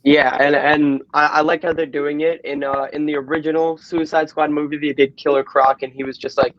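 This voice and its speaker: A man's voice: fairly high pitch, little pitch movement, brisk, dry recording, lo-fi sound. A young man, a social media manager guest, chatting casually in a loose, rambling way. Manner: easygoing, rambling with fillers. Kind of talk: casual chat.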